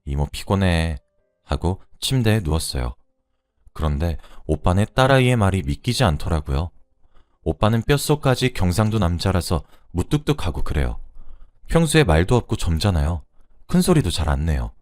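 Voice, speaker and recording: Deep-voiced man narrating a story. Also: big pitch swings, normal speed, darkish tone, no echo, clean studio sound. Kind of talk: scripted first-person story narration.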